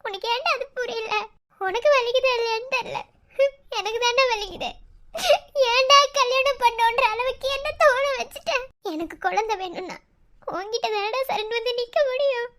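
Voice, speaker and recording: Cartoon: woman voicing tearful young wife, very high voice, Madurai Tamil accent. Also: moderate pace, fairly bright tone, slight background noise. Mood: tearful, hurt. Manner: tearful, pleading. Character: young wife, heartbroken and bitter. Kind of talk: cartoon voice acting.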